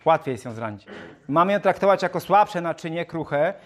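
A man preaches a sermon with a fairly high voice. He raises his voice to read scripture aloud, then drops back to a joking, conversational tone with rhetorical questions to his listeners. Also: expressive, normal speed. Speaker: pastor.

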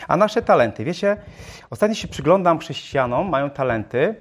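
Animated, talkative male preacher. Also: a little high, a little fast. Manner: rhetorical questions to the congregation; self-described talker. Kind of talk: sermon.

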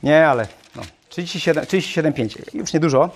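A man's voice: fairly high pitch, fast talker, slight background noise. A man preaching a sermon, firing rhetorical questions at his congregation. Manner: self-described talker.

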